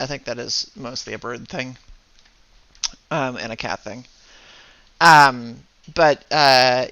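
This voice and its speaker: A man narrating a tabletop game as game master, with halting delivery and many fillers. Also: mid-range voice, gravelly, bright, forceful tone, no echo, muffled recording.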